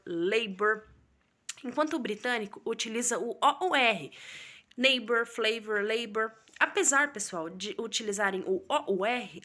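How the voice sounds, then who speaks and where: A woman's voice: fairly high pitch, sharp tone. A Brazilian woman with a Brazilian Portuguese accent teaching an English lesson in a video, often checking in with viewers through tag questions. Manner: didactic, keeps addressing viewers with tag questions.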